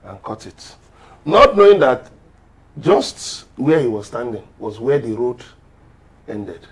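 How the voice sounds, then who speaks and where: In a rough recording, a man with a Nigerian accent speaks slowly in a mid-range, sing-song voice. He is a panel guest in a political discussion, emphatic and urging.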